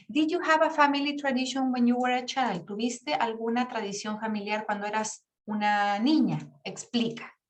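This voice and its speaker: Female teacher, higher voice, on a video call, clear step-by-step explainer. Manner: explanatory, checks understanding with frequent "¿ya?". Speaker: English teacher. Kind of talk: online class instruction.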